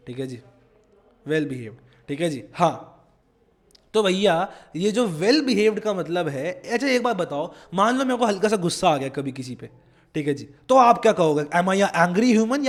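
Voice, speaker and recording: A young man with an Indian accent teaching a psychology class online, energetic and fast-talking, often quizzing his students. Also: high voice. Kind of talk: online class lecture in Hinglish.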